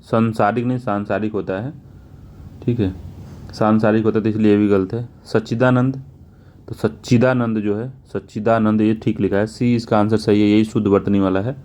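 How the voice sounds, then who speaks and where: A male teacher goes through exam questions one at a time in an answer walkthrough lesson, often repeating answers and checking in with "theek hai". His voice is lowish and dark, with a steady tone at normal speed.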